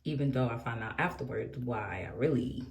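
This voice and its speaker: The recording, from an echoey room, captures a fortysomething beauty vlogger doing her makeup in a casual get-ready-with-me chat where she rambles, speaks candidly and laughs often. Her very deep, darkish voice carries vocal fry and moves at a moderate pace.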